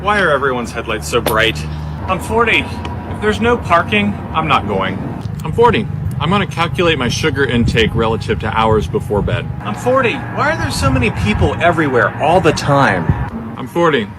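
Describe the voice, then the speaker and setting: A man in his forties delivering a comedy monologue of cranky, deadpan complaints. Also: a little high, normal speed, very noisy. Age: 40s.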